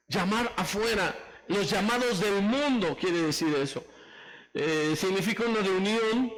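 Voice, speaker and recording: A pastor preaching an emphatic sermon, calling on the congregation to raise hands and repeat phrases after him. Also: male voice, high-pitched, a bit bright, low-quality recording.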